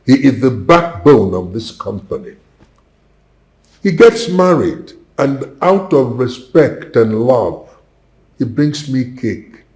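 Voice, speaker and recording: A man's voice: mid-range voice, animated, takes it slowly, darkish tone, reverberant. An actor with a Nigerian accent playing a stern king who gives angry commands in a film drama. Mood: indignant. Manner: commanding, threatening.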